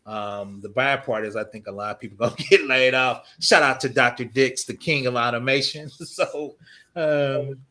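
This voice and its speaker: A man's voice: mid-range voice, steady tone, moderate pace, pushed and bright. A man in his fifties hosting a casual tech chat, laughing often as he talks. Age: 50s. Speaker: host.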